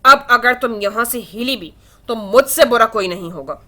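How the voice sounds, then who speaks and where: A woman's voice: a little high, pushed and bright. Woman reading a stern, angry young man. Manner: harsh, clipped and sarcastic.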